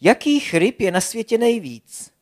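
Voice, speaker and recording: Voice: mid-range voice, very animated, pitched above the performer's own voice, lightly acted. Giggly otter girl, eager joke-teller, storybook animal, voiced by the narrator. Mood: giddy. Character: playful joking female otter.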